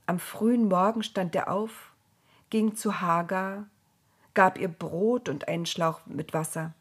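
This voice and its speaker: A woman reading a children's story aloud in a calm, measured way. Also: on the low side, husky.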